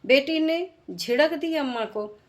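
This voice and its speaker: A woman narrating an emotional moral story in a slow, heartfelt manner. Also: high voice, lively intonation.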